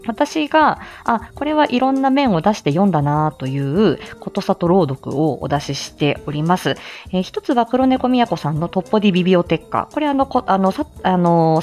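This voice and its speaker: Calm low-voiced woman chatting on stream. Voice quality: calm, clear diction, low voice. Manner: chatty, frequent fillers, reads viewer comments. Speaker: streamer, voice reader. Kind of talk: casual livestream chat.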